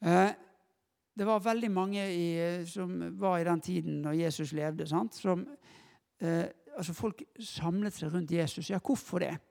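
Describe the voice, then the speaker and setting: A man's voice: high-pitched, vocal fry, a little mellow. A man giving an informal sermon, talking conversationally and asking the congregation questions. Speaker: preacher. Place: church hall with long reverb. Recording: echoey hall.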